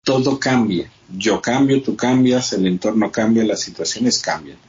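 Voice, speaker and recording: A man's voice: lowish voice, measured pace, a little mellow, dull audio. A man hosting a podcast, explaining ideas step by step in a casual conversational way. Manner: explains step by step, acts out quoted dialogue. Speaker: podcast host.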